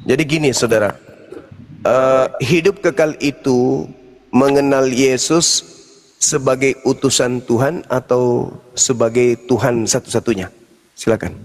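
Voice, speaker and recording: A man debating forcefully, repeating his question and raising his voice to a shout. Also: mid-range voice, fairly even intonation, measured pace, long pauses. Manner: forceful, repetitive, raises voice to a shout. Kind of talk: heated live debate. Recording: long reverberant echo.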